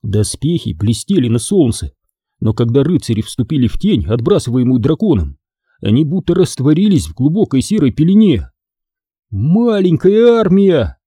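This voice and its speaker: A man reading a first-person adventure story aloud in an expressive, dramatic way. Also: mid-range voice, a little fast, husky, no room sound, studio quality. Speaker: audiobook narrator.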